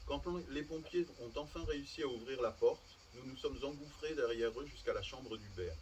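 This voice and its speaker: A man reading short stories aloud at a public literary event, with a measured storytelling delivery. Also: mid-range voice, a little mellow, slight background noise. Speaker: reader. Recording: distant mic, faint outdoor ambience.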